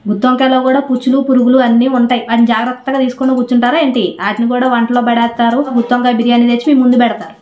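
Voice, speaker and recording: A woman's voice: on the high side, flat delivery, rapid-fire, few pauses, a little mellow. A middle-aged woman plays a mother in a scripted family skit, scolding and lecturing at length. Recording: roomy, dull home recording with music underneath.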